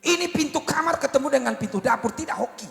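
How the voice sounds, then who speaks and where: A man's voice: very high-pitched, fast, gravelly, pushed and bright, soft background music, pitched above the performer's own voice, full character voice. A man quoting a snide guest who mocks a house as unlucky, in a sermon story, in an echoey hall. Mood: sneering. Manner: sneering, dismissive.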